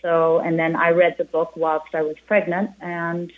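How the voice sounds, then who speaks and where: A middle-aged woman from Germany, a native German speaker who owns a restaurant, chats as an interview guest, restarting often and saying "you know" a lot. Her voice is lowish and completely flat, at a measured pace. The audio has a narrow, phone-like band.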